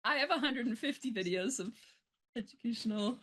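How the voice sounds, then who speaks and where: A woman with a high, bright, lively voice, co-hosting a loose podcast chat. She bosses her friends around, swears freely and laughs a lot. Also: a little fast. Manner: bossy teasing, swears a lot, laughs often. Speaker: podcast co-host. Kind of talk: casual chat.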